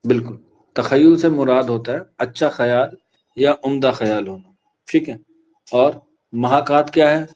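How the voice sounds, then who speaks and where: A man from India teaching an exam prep lecture, repeating key phrases slowly so students can write them down. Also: medium pitch, darkish tone, muffled recording.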